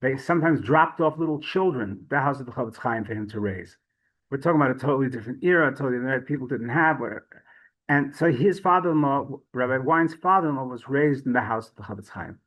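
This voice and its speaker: A man teaching a Torah class, telling stories in a chatty way with frequent restarts and lively swings in pitch. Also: fast talker, dull audio. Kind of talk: storytelling Torah lesson.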